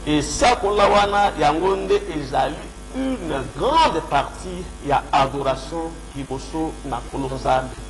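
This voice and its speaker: This male pastor, fighting a cold, delivers a slow-paced sermon from a radio studio during a call-in program, speaking into a studio microphone with headphones on. He cites scripture, blends French with Lingala, and his higher-leaning voice carries lively intonation over music in a rough recording.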